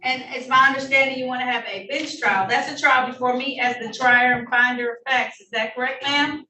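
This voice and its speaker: A woman judge running formal hearings, brisk and polite, heard in a courtroom recording. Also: high voice, steady tone, sharp tone. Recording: echoey room heard from a distance, faint noise.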